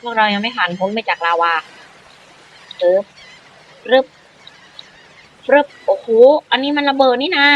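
A man hosting a gaming channel, giving playful, excitable commentary, role-playing dialogue and voicing his own jump sounds as he plays. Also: extremely high pitch, unhurried, pauses often, highs cut off, a little hiss or hum.

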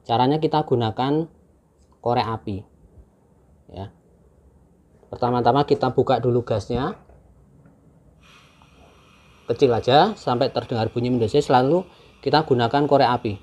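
A man calmly and patiently explaining, step by step, how to use a camping stove, recorded indoors with a camera mic above the table. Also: mid-range voice, moderate pace, pauses often. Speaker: channel host demonstrating a camping stove. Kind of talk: casual how-to demonstration.

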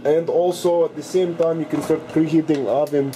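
A man's voice: a little high, normal speed, slight background noise, close to an everyday voice, poor audio. A man putting on a mock Russian accent. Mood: deadpan joking. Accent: put-on Russian accent. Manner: deadpan joking, drops articles, swears casually. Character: jokey Russian farm-boy cook, male adult. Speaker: cooking show host. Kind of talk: comic cooking tutorial.

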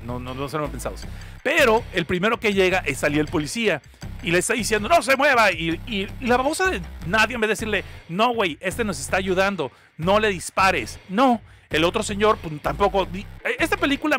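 A man's voice: sits high, pushed and bright. A man with a Mexican accent hosting a casual livestreamed movie recap, joking crudely and rambling as he corrects himself. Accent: Mexican Spanish. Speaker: podcast host.

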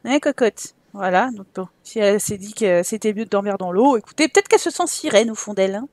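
A woman's voice: sits high, dry recording. A woman with a French accent giving casual let's-play commentary, teasing and scolding the characters in her game in an exasperated way. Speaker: gameplay commentator.

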